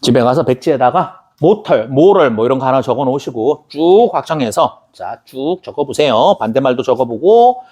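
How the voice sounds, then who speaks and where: A man teaching English vocabulary in a recorded lecture, chatty and lively, spelling out words syllable by syllable and slipping in joking asides to his students. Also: medium pitch, moderate pace, hardly any pauses, breathy edge. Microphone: camera recording a lecture.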